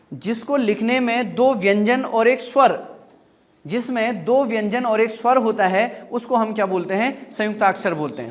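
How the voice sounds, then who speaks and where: A man teaching a grammar lesson. He asks the class short repeated questions and answers them himself. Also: sits high.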